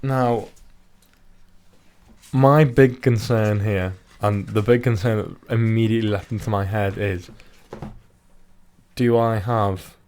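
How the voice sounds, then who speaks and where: A man's voice: lowish voice, fairly even intonation, slow pace, long pauses, darkish tone. A man co-hosting a casual podcast chat, wry and persistent with his odd questions. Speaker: podcast co-host.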